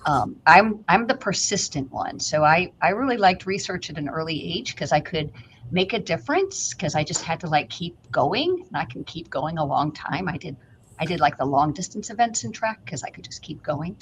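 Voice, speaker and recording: A woman's voice: sits low, sing-song, normal speed, a bit bright, poor audio. A woman from St. Louis answering interview questions as a guest, humble and chatty, with many fillers. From St. Louis, Missouri, USA. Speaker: guest physician. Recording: remote video call, faint background noise.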